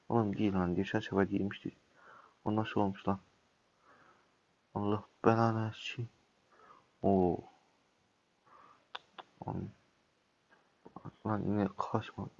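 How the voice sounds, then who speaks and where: A man with a sore throat and cough giving excitable, casual gameplay commentary, swearing at other players and calling them over. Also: lowish voice, a little slow, vocal fry, pauses often, lo-fi sound. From Turkey. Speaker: gaming YouTuber.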